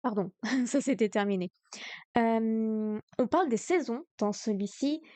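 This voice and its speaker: A woman's voice: fairly high pitch, unhurried, a little mellow, dry recording. A woman streaming a live study session, thinking aloud hesitantly with many fillers. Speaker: streamer learning Chinese.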